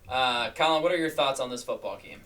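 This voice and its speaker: A man's voice: medium pitch, fairly quick, bright, forceful tone, distant mic, slight background noise. A man hosting a sports podcast, leading the game picks in an upbeat, casual way. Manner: upbeat, leads the discussion. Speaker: podcast host running the picks.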